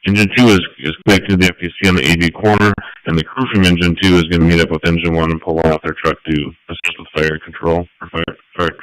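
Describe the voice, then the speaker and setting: A man's voice: deep voice, fairly bright tone, clear, resonant tone, dry recording, low-quality recording. A man speaking as a fire battalion chief on the radio, giving a procedural command briefing and searching for words as he goes.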